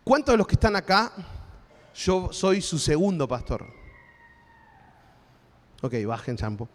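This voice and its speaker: A male pastor with an Argentine accent preaches in an easy, conversational way and keeps checking in with his listeners. His voice sits high for a man. The sound carries a long reverb from a church hall. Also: very animated, measured pace. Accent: Argentine Spanish. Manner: conversational preaching with frequent tag questions. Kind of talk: sermon.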